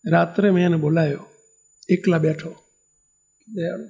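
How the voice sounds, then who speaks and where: A high-pitched man preaching a sermon and telling a moral story to devotees. His voice has a rough, gravelly edge, and he speaks straight to the crowd with rhetorical questions. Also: normal speed, darkish tone. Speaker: swami giving a religious discourse.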